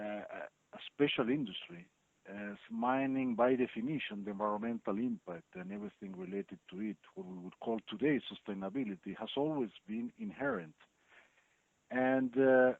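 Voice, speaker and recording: A man in his fifties from Chile, giving thoughtful interview answers with many pauses and fillers. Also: medium pitch, vocal fry, no echo. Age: 50s. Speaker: chief legal officer, guest. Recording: dry, tinny phone-like sound.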